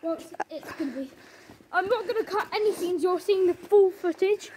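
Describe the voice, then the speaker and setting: A very high, piping female voice snaps out short tactical callouts on a night-time street patrol. She talks into a handheld phone camera outdoors. The audio is noisy outdoor phone recording. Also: normal speed, mellow. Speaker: vlogger. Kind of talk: casual vlog.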